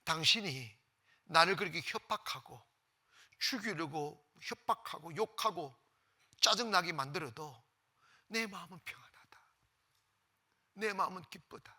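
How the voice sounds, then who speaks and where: A preacher voicing a serene male pastor who calmly answers his captors, speaking quietly and steadily, sometimes near a whisper. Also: on the high side, unhurried, pauses often, full character voice. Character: calm male pastor facing death, serene.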